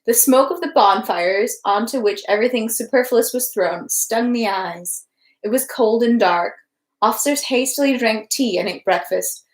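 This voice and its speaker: This woman's fairly high voice moves at a moderate pace as she hosts a read-aloud livestream in an echoey indoor space. Informal and prone to rambling and self-interruption, she chats casually first and then reads in an audiobook style.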